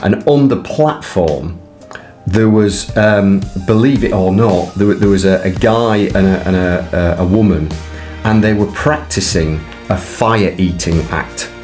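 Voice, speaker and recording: A man's voice: sits low, measured pace, darkish tone, faint music behind. A man talking casually and unscripted to viewers as a fitness vlogger, in a hesitant, rambling way full of fillers. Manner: hesitant, rambling delivery with frequent filler words.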